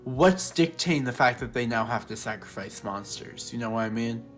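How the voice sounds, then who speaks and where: A man in a casual podcast chat, animated and opinionated, with plenty of likes and ums. His pitch sits in an ordinary middle range. Faint music plays behind him. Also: normal speed. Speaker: podcast co-host.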